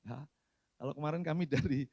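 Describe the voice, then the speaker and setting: A middle-aged man preaches a sermon with dramatic swings between loud outbursts and quiet asides. His voice sits fairly high for a man. The church sound is dry and close. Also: a little fast, gravelly, no room sound, highs cut off. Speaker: pastor.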